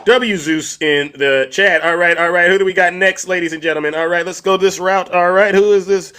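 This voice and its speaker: Guy running a live debate stream, loud shout-outs, kinda high pitched. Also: fairly even intonation, fairly quick, clean tone.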